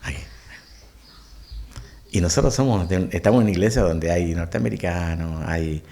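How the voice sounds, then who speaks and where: A man's voice: sits low, normal speed, gravelly. A Chilean man, a pastor, telling a personal story in a sermon and often checking with the congregation. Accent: Chilean Spanish. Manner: animated, asks the congregation questions. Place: church.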